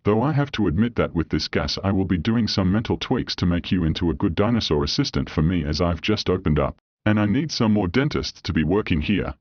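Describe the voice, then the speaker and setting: A man voicing a large, cheerful, scheming male dog dentist who talks fast and coaxingly. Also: sits low, lively intonation, dry recording, lo-fi sound, voice pushed down. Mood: scheming glee.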